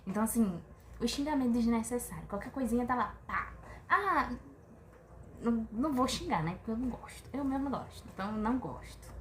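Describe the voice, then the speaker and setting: A woman giving a casual opinion monologue to camera, chatty and animated, full of rhetorical questions and exasperated sighs. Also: on the high side, fast, slight background noise. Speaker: vlogger. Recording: echoey room with faint ambience.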